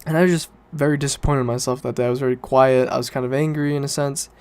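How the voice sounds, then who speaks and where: A young man of student age talks casually on his solo podcast, rambling and self-correcting. His mid-range voice is quick and steady, darkish, clear, and resonant.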